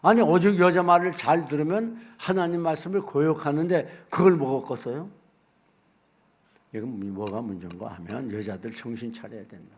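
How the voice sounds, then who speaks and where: A middle-aged man preaching a sermon as pastor, folksy and animated, acting out little asides. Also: a little high, normal speed, husky.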